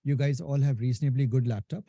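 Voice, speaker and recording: This is a casual live technical lecture from a male instructor from India and Nepal, whose Indian accent is thick. His medium-pitched voice is steady, creaky, and warm, and he talks fast on a dry recording. Calling his students "guys," he asks "right?" constantly and restarts sentences often.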